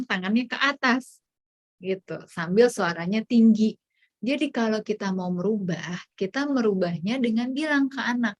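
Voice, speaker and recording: A woman psychologist giving an online parenting workshop, explaining in a chatty way and acting out what a parent might say. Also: mid-range voice. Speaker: child psychologist speaker.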